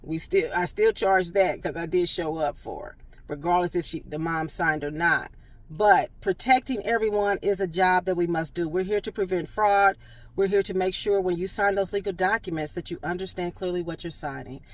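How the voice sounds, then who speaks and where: A woman's voice: fairly low pitch, moderate pace, no room sound, recorded from a distance. A woman notary public telling a story to camera, earnest and direct, firm on principle.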